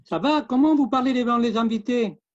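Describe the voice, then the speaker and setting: A man's voice: very high-pitched, fairly quick, dull audio. An older man playing a hospitable father who offers guests tea and cakes. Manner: welcoming, offering food. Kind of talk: amateur theatre web-series acting.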